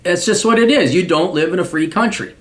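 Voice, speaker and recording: An American podcast host with a high-pitched voice gives paid advice, ranting briskly and directly at his listener. He is blunt and crude, swearing freely and mocking the person he addresses while lecturing them on how the world works.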